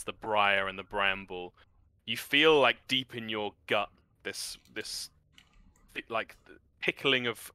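Bright, slow-paced male game master. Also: lowish voice, smooth, no room sound. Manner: descriptive, halting as he searches for words. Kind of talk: improvised tabletop game narration.

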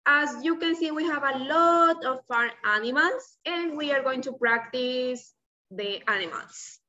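Over distant, slightly muffled video-call audio, a young native Spanish speaker coaches small children through repeat-after-me vocabulary, talking slowly and simply with toddler-style encouragement. She sounds high-pitched, expressive and sharp.

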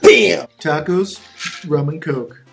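A man's voice: a little high, moderate pace, darkish tone, faint music behind. A young man hosting a casual comedic cooking vlog in a home kitchen, talking in a drunk, goofy, rambling way. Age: young adult. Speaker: vlog host.

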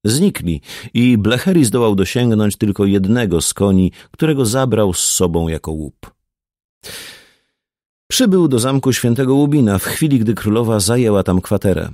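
A man narrating an old legend in an audiobook with measured, expressive storytelling. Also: fairly low pitch, no echo, studio quality. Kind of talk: scripted narration.

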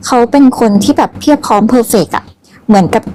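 A woman giving a spiritual tarot reading, talking in a soft, conversational way with many polite particles. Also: fairly high pitch, fast talker, slight background noise, rough recording. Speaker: tarot reader.

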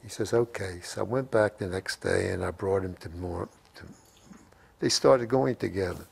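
A man's voice: low-pitched, normal speed, creaky, husky. A man in his eighties telling rambling anecdotes in an interview, repeating phrases and quoting old conversations as he goes. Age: 80s. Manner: rambling, repeats phrases, quotes remembered dialogue. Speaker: WWII veteran being interviewed. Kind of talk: reminiscing, anecdotal interview storytelling. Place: living room at home. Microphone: lapel mic.

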